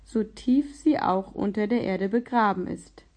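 A woman voicing a gentle, earnest boy. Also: medium pitch, natural voice. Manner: gentle, earnest, halting in prayer.

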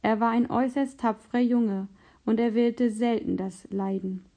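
Warm-toned woman narrating a story. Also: fairly high pitch, steady tone, moderate pace.

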